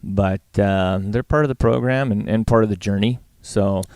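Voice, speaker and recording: A man's voice: lowish voice, moderate pace, a little mellow, no echo. A middle-aged man with a Western Canadian accent chats casually in an interview, plain-spoken and folksy. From Alberta, Canada. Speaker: guest, livestock auctioneer and former calf roper.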